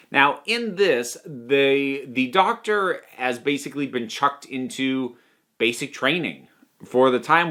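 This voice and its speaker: A man with a sharp, medium-pitched voice gives a conversational, opinionated monologue reviewing audio dramas, thinking aloud and stressing his points emphatically.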